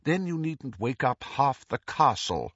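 A stern, older female professor whose words come out clipped and icily cold, in a male narrator's raised, lifted voice. Her tone is measured and sharp. The recording is dry and a touch dull. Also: mid-range voice, sing-song, no room sound, voice pushed up.

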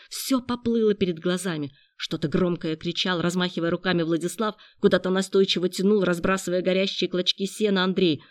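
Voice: mid-range voice, dry recording. Dramatic audiobook narrator, dry close sound. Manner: dramatic, tense storytelling.

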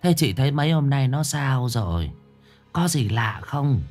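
A gossiping old village woman, leaning in with a hushed, conspiratorial voice, as a male storyteller puts her on. She sounds secretive and insistent in this told ghost story. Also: medium pitch, big pitch swings, a little slow, faint music behind, pitched above the performer's own voice.

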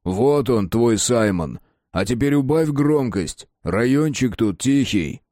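A man voicing a burly, mocking security guard in an audiobook, with a slow sneering drawl. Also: mid-range voice, lively intonation, warm tone, no room sound, clean studio sound. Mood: gruff.

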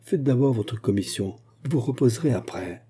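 A man's voice: medium pitch, animated, normal speed, dark tone, slightly rough. A man voicing a proud young king who speaks curtly and with authority. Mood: stern authority. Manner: curt, authoritative.

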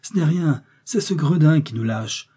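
A man's voice: on the high side, expressive, unhurried, mellow, husky, voice pushed up, full character voice. A man reading aloud voices a determined male explorer doctor with urgent, raised exclamations.

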